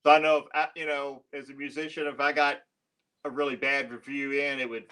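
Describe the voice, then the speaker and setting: A laid-back man chatting as a podcast guest, his voice bright and forward. He talks easily about music and laughs often, tossing in short agreeing replies between longer thoughts. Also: medium pitch, little pitch movement, a little fast, clear, resonant tone. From Florida, USA. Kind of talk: casual podcast chat.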